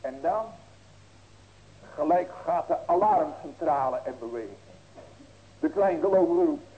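A male pastor preaching a sermon, asking rhetorical questions and breaking into loud raised cries. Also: on the high side, animated, unhurried, lo-fi sound.

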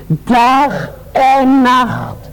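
A man's voice: very high-pitched, big pitch swings, extremely slow, creaky, long reverb tail, slight background noise, low-quality recording. A man preaching a sermon in a chanting, sing-song cadence, pleading with his listeners as beloved.

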